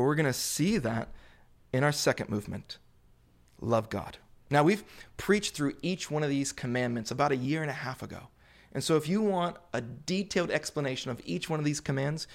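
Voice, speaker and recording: A male preacher with a strongly creaky, mid-pitched voice delivers an expository sermon. He builds points in short, emphatic phrases, pausing and repeating, and puts questions to his congregation. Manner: deliberate phrasing with emphatic pauses and repetition; rhetorical questions put to listeners.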